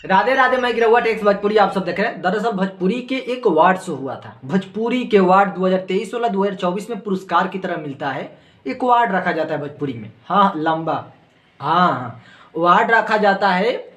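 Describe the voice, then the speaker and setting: Man, Bhojpuri accent, gossip host, high voice, casual, teasing, rambling. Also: animated, brisk, fairly bright tone. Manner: chatty, teasing, rambling asides. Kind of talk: casual comic news chat.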